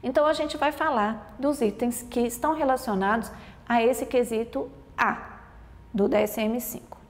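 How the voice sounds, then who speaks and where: A woman's voice: a little high, normal speed. Brazilian woman doctor explaining, reverberant room. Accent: Brazilian Portuguese. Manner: explanatory, peppered with "tá?" check-ins. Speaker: pediatric neurologist. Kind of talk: explanatory video lesson.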